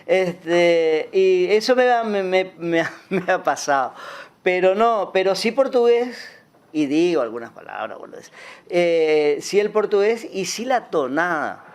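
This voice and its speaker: Animated man with a Misiones accent. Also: high voice, measured pace, clean tone. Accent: Misiones Argentine Spanish. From Puerto Iguazú, Argentina. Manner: animated storytelling, acts out quoted dialogue, frequent fillers. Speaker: guest, puppeteer. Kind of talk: casual interview chat.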